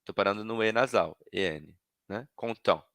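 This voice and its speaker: Bright-voiced man teaching French online. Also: lowish voice, normal speed, gravelly, clean studio sound. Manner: patient, repeats words for students to echo. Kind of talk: live online language lesson.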